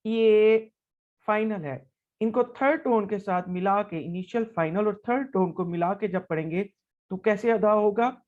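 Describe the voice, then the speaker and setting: A man's voice: high voice, a little mellow, muffled recording. A man teaching a language lesson, patiently explaining step by step and saying each syllable twice to model its tone. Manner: patient, step-by-step explaining with frequent "right?" checks.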